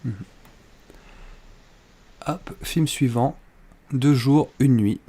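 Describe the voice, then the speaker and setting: A man's voice: medium pitch, very slow, mellow. A man hosting a casual interview, moving things along and joking about himself. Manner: light-hearted, jokes about himself. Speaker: host.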